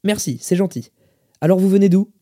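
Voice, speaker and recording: A man's voice: high voice, brisk, warm tone, voice pushed up. A man voicing a lonely old widower who eagerly welcomes a visitor into his kitchen. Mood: welcoming.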